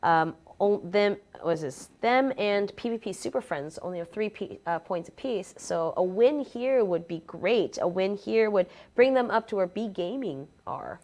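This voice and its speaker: A woman's voice: medium pitch, lively intonation, normal speed, hardly any pauses, a little mellow. Stuffy-nosed female esports caster. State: stuffy, has a cold. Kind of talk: casual esports commentary.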